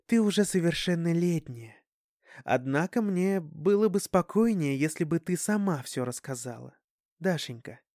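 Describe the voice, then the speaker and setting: Man reading as a gentle, soft-spoken mother. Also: a little high, lively intonation, no echo, studio quality, pitched above the performer's own voice. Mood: gentle, caring. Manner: soft, measured, caring. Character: gentle, calm, protective mother.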